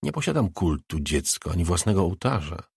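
A man's voice: low voice, very animated, brisk, vocal fry, a little mellow, husky, no room sound, clean studio sound, heavily acted. A man voicing an ancient whispering death spirit. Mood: solemn. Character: ancient female death spirit, grave and commanding. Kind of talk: audiobook reading.

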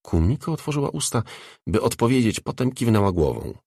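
A man reading a novel aloud as narrator, expressive and switching voices for characters. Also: mid-range voice, fairly quick, creaky, husky, no room sound, studio quality. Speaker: audiobook narrator. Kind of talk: scripted narration.

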